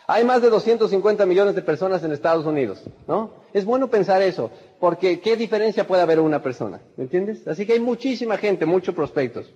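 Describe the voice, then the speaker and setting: A man from Mexico giving an animated network marketing seminar, acting out little scenes and often checking in with "¿verdad?". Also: high-pitched. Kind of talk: motivational seminar talk. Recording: muffled, husky sound with long hall reverb.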